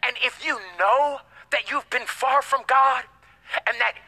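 A man's voice: very high-pitched, steady tone, measured pace, bright, forceful tone, poor audio. A man preaching a sermon as pastor, emphatic, with call-and-response and casual slangy asides.

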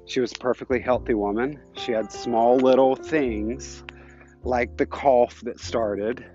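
On a walk outdoors, a thirty-something podcast host reflects openly on a personal story, starting over many times and breathing a little hard. His voice is medium-pitched and darkish, and the highs are cut off.

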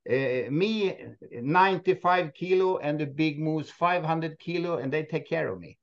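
Swedish man, halting English, muffled line. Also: fairly high pitch. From Sweden. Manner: halting non-native English, many restarts, laughs often. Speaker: moose park owner, guest. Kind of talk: casual interview.

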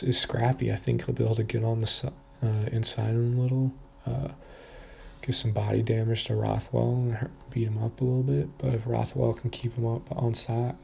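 A man with a gravelly, mellow voice talks through upcoming fights in a loose, casual monologue. He hesitates often, restarts his sentences and plays down his own expertise, in an even, flat delivery. A faint noise sits behind him. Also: medium pitch. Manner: hesitant, many fillers and restarts, self-deprecating. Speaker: fight predictions commentator.

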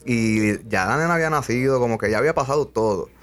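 A man's voice: mid-range voice, fast talker. A young man hosting a podcast, talking casually and earnestly, peppering his speech with swearing. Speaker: podcast host. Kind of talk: casual conversation.

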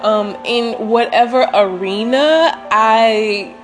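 A woman chatting casually and unscripted to viewers in a reflective, meandering, gently self-affirming way, as a vlogger does. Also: a little high, slow pace. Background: soft sentimental music.

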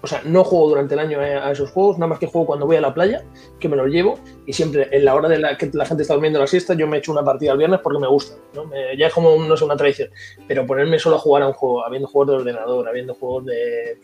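A man's voice: a little high, steady tone, racing, mellow, faint music behind. A man in his thirties with a Spanish accent from Spain, chatting casually on a video call and rambling, repeating words. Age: 30s. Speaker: guest.

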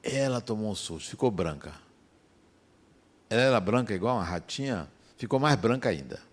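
Animated man telling stories. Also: moderate pace. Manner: animated storyteller, swings between soft asides and sudden high emphasis. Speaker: psychologist giving a spiritual talk. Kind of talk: reflective talk with personal anecdotes.

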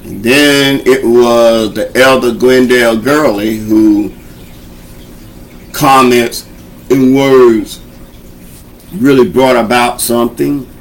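A man hosting a show gives an informal sermon, preaching in a folksy, conversational style with call-and-response encouragement that urges listeners along. His medium-pitched voice is steady in tone and slow, with long pauses. The recording is rough.

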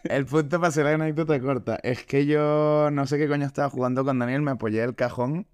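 A man's voice: medium pitch, fairly quick, clear, resonant tone, no echo. Guy cohosting a comedy podcast, acts out the quotes, dead dry sound. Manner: animated storyteller, acts out quotes. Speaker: podcast co-host. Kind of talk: casual comedic chat.

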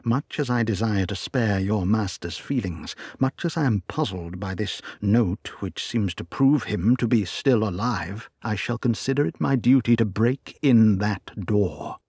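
A man voicing a grave, deliberate middle-aged male lawyer in a storybook reading. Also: on the low side, a little mellow, breathy edge, no room sound, clean studio sound. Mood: measured. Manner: measured, deliberate.

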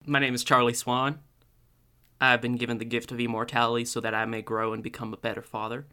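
A man voicing an easygoing middle-aged dad turned vampire, in a put-on folksy accent with hesitant pauses. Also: mid-range voice, flat delivery, sharp tone, clean tone, close to an everyday voice. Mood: earnest.

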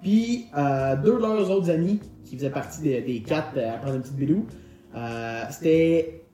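A man's voice: fairly high pitch, normal speed, mellow. A man with a Québécois French accent chatting and telling stories as a podcast host, in a joking, colloquial way. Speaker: podcast host presenting a car segment. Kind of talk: casual chat and storytelling. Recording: roomy echo, music underneath.

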